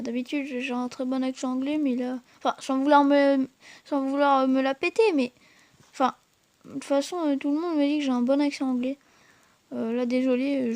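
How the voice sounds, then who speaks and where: High-voiced woman giving hesitant gameplay commentary. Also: darkish tone, no room sound. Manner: hesitant, full of fillers and restarts; chatty, addresses viewers directly. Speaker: gaming channel host.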